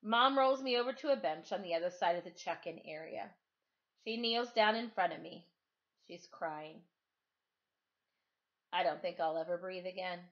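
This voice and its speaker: Her lowish voice moves at a moderate pace, broken by long pauses. A middle-aged teacher, she reads a novel aloud from her living-room couch and then addresses her pupils informally, all picked up by a dull, lo-fi webcam.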